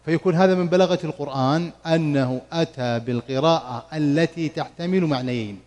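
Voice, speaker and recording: A man teaching Quran commentary in a mosque study circle, slowly drawing out the verses he recites and quizzing his students as he explains. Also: on the high side, darkish tone. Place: mosque lesson hall.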